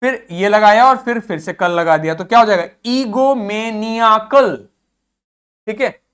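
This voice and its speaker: A male teacher giving a classroom lesson on English pronunciation, patiently repeating words slowly and stressing each syllable. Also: sits high, a bit bright, clean tone. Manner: patient, checks understanding often.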